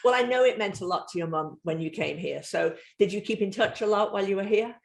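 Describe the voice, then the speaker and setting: A woman hosts an online celebration event and talks over a video call. She introduces guests in a polished, friendly way and puts relaxed questions to them. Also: mid-range voice, fast, vocal fry. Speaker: host. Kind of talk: hosting an online alumni event.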